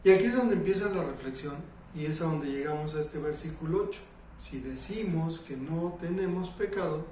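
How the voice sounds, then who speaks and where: A man's voice: on the high side, a little mellow, a little hiss or hum. A man with a Mexican Spanish accent, teaching a Bible study as a pastor, putting rhetorical questions to the congregation. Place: church hall. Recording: echoey hall from a distance.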